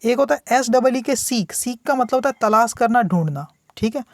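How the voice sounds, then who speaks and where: A man's voice: extremely high pitch, animated, dry recording, clean studio sound. A man teaching English word meanings in Hindi, patiently repeating himself and asking the student questions that he answers himself. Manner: speaks slowly when reading English examples aloud. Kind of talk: tutorial on English words, explained in Hindi.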